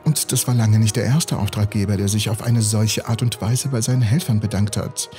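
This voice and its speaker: A man voicing a poised, earnest young woman scientist in a calm, measured way. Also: fairly low pitch, faint music behind, close to an everyday voice.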